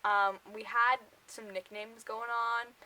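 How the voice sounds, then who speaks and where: A woman's voice: a little high, level tone, slow pace, bright, forceful tone, low-quality recording. A young woman casually reviewing books for her vlog, chatty and full of filler words, often breaking into laughter. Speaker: book vlogger.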